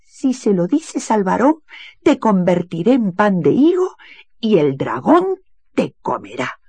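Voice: medium pitch, sing-song, a little slow, dark tone, husky, dry recording, voice pushed up, exaggerated voice. A storyteller voicing a sly little enchanted cat who hisses a threat in a whisper. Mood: threatening.

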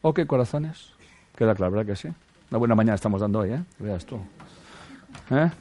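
A man's voice: lowish voice, expressive, brisk, warm tone. A man with a Spanish accent from Spain giving a casual spiritual talk to a group, firing rhetorical questions, dropping earthy slang and calling his listeners sweethearts. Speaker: spiritual teacher.

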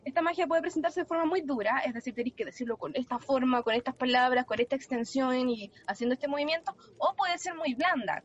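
A woman, chatting casually as a podcast co-host about a book, laughing often and restarting her sentences. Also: high voice. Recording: muffled lo-fi with faint noise.

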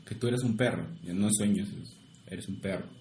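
A young man co-hosting a podcast, dry and offhand, mumbling his punchlines quietly. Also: fairly low pitch, normal speed. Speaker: podcast co-host. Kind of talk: casual podcast banter. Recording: echoey room with faint noise.

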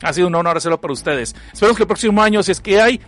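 A man's voice: sits high, rapid-fire, a bit bright, soft background music. A man from Mexicali with a northern Mexican accent, hosting a livestream and reading out chat messages in a joking, slangy way that is full of laughs. He has a cough. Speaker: livestream host.

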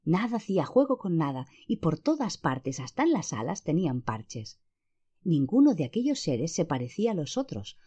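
A woman reading a fantasy novel aloud, with expressive storytelling narration. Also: low-pitched, moderate pace, breathy edge. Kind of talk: audiobook narration. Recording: dull lo-fi.

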